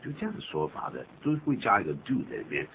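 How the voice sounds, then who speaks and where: Low lively male radio English teacher. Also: fast talker, a little hiss or hum. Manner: lively explaining, prompting partner to repeat phrases. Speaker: radio English lesson host. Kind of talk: bilingual radio English lesson. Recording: narrow lo-fi radio broadcast sound.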